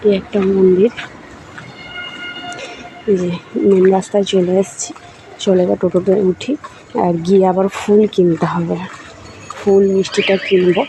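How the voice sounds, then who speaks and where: Lady vlogger walking and chatting into her phone, pretty flat delivery, lots of street noise and birds behind her. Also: mid-range voice, moderate pace, pauses often, poor audio. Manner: chatty running commentary while walking. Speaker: lifestyle vlogger. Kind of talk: casual vlog narration. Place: outdoors on streets and at a temple in light rain.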